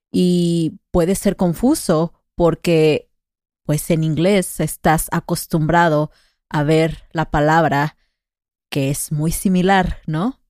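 A woman's voice: lowish voice, a little mellow, dry recording, studio quality. A woman co-hosting a conversational Spanish lesson podcast, patiently explaining grammar rules with examples.

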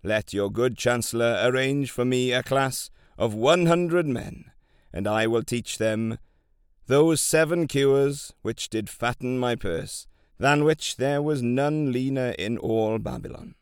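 A man voicing a humble, dignified wealthy old man of about seventy who answers calmly and plainly. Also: medium pitch, slow pace, smooth, dry recording, studio quality. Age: 70s.

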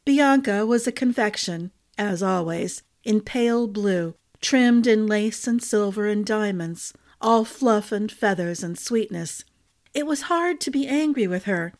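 Woman gently narrating a fantasy story. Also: mid-range voice. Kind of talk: audiobook-style fantasy narration.

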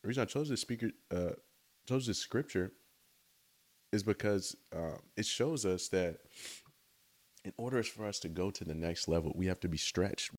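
A man with a notably low, deep voice gives an eager, easygoing faith talk. He speaks outdoors in a chatty tone and keeps checking in with his listeners. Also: moderate pace, pauses often. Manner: enthusiastic, conversational, often says "right?" and "y'all". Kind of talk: casual devotional talk.

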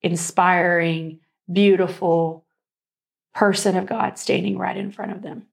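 A woman's voice: on the low side, steady tone, a little slow, gravelly. A woman co-hosting a faith-based talk show, speaking in an earnest, reflective conversational way. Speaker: co-host.

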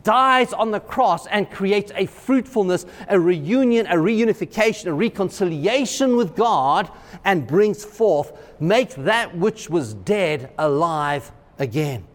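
Excitable male pastor in a reverberant hall. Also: high-pitched, slow. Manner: excitable, emphatic preaching with repeated refrains. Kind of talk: sermon. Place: church sanctuary.

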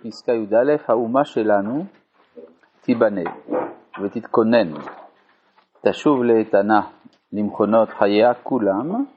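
A man's voice: lowish voice, long pauses, a little hiss or hum. A man teaching a Torah lesson to a live group, reading a passage aloud and explaining it phrase by phrase. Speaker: rabbi teaching a text. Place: community study hall. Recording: dull lo-fi recording.

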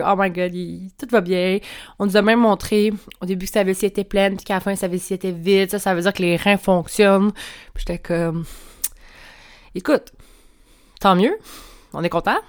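A woman's voice: medium pitch, fairly even intonation, moderate pace, smooth. A young Québécois woman talks into a clip-on mic at home, hosting her solo podcast. She sounds chatty and candid, swears freely, and laughs between thoughts. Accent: Québécois French. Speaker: podcast host. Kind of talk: casual solo podcast monologue. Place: room at home.

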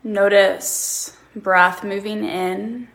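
A woman guiding a relaxation meditation, counting breaths slowly and leaving long pauses between short phrases. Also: mid-range voice, flat delivery, creaky, a bit bright.

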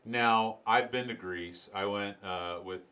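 A man's voice: lowish voice, slow, pushed and bright. Chatty man hosting a podcast. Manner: rambling, self-correcting, chatty. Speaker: podcast host. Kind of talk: casual interview chat.

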